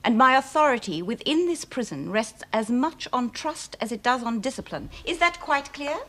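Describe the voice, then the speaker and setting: Principled aussie prison boss lady, formal, lively up and down voice, tv drama. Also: fairly high pitch. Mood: stern. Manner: measured, formal, authoritative. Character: principled, firm woman prison official and parole officer. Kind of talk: television prison drama acting.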